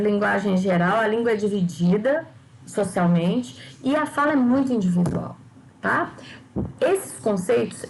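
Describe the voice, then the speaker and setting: An older woman lectures her class in a slightly high, gravelly voice. She keeps checking in with her students and posing questions for them to answer. The delivery is that of an everyday classroom talk. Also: a little hiss or hum, low-quality recording. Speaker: teacher.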